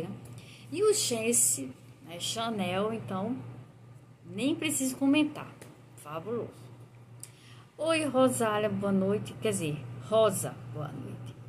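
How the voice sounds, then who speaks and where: A woman's voice: medium pitch, a little hiss or hum. Chatty Brazilian woman perfume host. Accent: Brazilian Portuguese. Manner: chatty, frequent tag questions. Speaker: perfume reviewer hosting an Instagram live. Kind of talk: casual live-stream chat, greeting viewers and reviewing perfumes.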